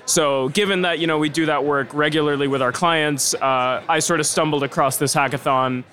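A man from Venezuela, a tech consultant, answering interview questions with relaxed, rambling explanations outdoors. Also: fairly high pitch, normal speed. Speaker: technology consultant, guest.

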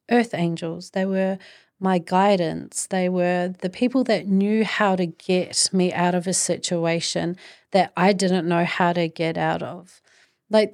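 A woman's voice: on the low side, darkish tone. A middle-aged woman with a New Zealand accent hosting a podcast, telling a personal story in an earnest, reflective way with emphatic phrasing. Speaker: podcast host.

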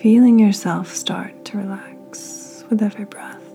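A woman hosting a podcast, leading a guided meditation in a soft, half-whispered, soothing voice. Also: mid-range voice, steady tone, unhurried, creaky, soft background music. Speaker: podcast host.

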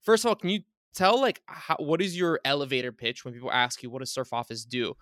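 A man's voice: medium pitch, a little fast, a bit bright, no echo, clean studio sound. A man from Bulgaria hosting a podcast interview over a video call, chatty and enthusiastic, asking long rambling questions. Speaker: podcast host. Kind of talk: casual interview chat.

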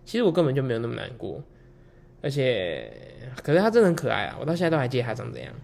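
A man's voice: mid-range voice, huge pitch swings, rapid-fire, vocal fry, a little mellow. A man in his twenties with a Taiwanese Mandarin accent, hosting a podcast and telling personal stories in a loose, candid way, swearing casually. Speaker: podcast host. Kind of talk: casual storytelling chat.

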